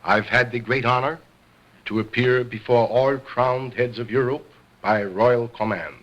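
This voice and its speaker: A man's voice: medium pitch, fairly even intonation, unhurried, a bit bright, muffled recording, lightly acted. An actor playing an egocentric, stern stage ventriloquist who talks in a grandly formal showman's manner, in an old 1929 film. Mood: pompous. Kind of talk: 1920s stage and film acting. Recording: vintage 1929 film soundtrack.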